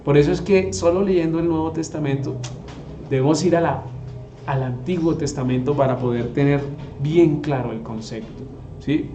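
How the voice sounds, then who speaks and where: A man's voice: a little high, normal speed, dark tone, highs cut off, slight background noise. A man, teaching the Bible to a group and often asking them rhetorical questions. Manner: asks the audience rhetorical questions. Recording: echoey room.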